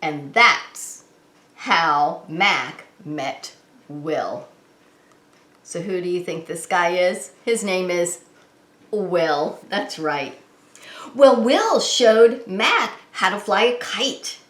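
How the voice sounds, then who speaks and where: Her voice sits a bit low, slightly bright and expressive, moving very slowly as she leads a children's read-aloud and singalong. This preschool teacher keeps things simple and lively for the little ones, often asking them questions, and the room sounds echoey and spacious.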